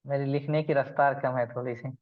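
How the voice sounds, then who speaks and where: A man's voice: mid-range voice, flat delivery, brisk, narrow, tinny audio. A man teaching an Arabic grammar class online, patiently explaining step by step and quizzing his students.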